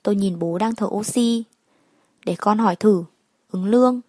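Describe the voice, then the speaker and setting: A woman's voice: medium pitch, moderate pace, a little mellow, dry recording. A woman telling a first-person story in an earnest, emotional way. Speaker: narrator.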